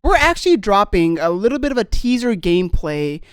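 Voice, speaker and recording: A man voicing a smooth-talking male game studio representative who pitches a sponsorship deal, with a salesy, persuasive delivery full of fillers. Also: sing-song, fairly quick, dry recording. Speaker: podcast co-host.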